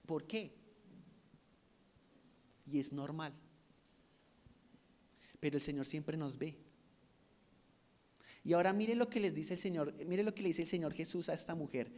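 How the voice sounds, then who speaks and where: High-pitched male preacher delivering a sermon with questions to the flock. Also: normal speed, long pauses. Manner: rhetorical questions, swings from loud to hushed.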